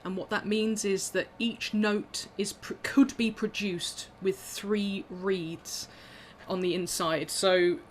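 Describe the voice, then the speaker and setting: On a video call, a woman musician chats casually about her instruments, self-deprecating and full of ums and small laughs. Her mid-range voice stays steady and slow, with a faint hiss or hum in the background.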